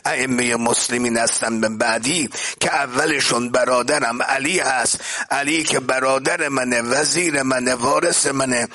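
A man preaching an impassioned religious sermon. He recites Arabic passages, paraphrases each one, and often swells into loud declamation. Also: medium pitch, fairly even intonation.

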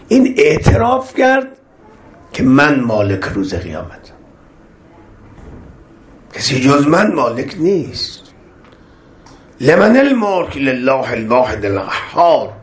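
A man preaching a sermon, repeating phrases with rising emphasis and chanting Arabic verses. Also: mid-range voice.

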